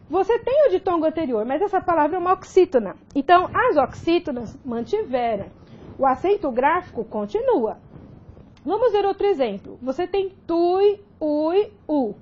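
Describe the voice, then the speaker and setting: A woman's voice: high voice, darkish tone, muffled recording. A Brazilian woman teaching a recorded grammar lesson, explaining step by step and often checking in with tag questions. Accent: Brazilian Portuguese.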